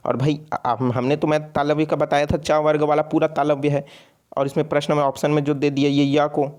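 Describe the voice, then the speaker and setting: A man with a slightly high, smooth, darkish voice teaches an online exam-prep lesson in a brisk, level tone. He explains step by step, repeats himself often, and uses frequent fillers.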